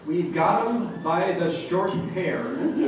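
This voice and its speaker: Joking man in an echoey room. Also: high-pitched. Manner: joking, chuckles at his own lines. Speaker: speaker at a reception. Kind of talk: humorous speech to a room. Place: reception room. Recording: roomy, distant, noisy room recording.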